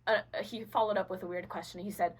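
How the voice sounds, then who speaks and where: A woman's voice: mid-range voice, steady tone, fast talker, husky, poor audio. A young adult woman from Venezuela, a podcast guest, telling her personal story earnestly with many fillers and restarts.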